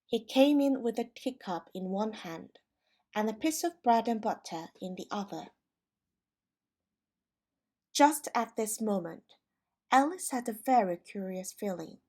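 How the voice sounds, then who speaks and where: A woman narrating a storybook for language learners with clear, careful reading. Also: mid-range voice, animated, a little slow, pauses often, darkish tone.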